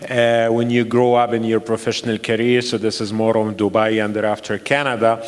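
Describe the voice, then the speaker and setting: A man from Egypt, a medical doctor, answering interview questions in an earnest, halting way. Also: fairly low pitch, level tone, big-room sound. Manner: earnest, halting with repeated words. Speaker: medical doctor and company executive.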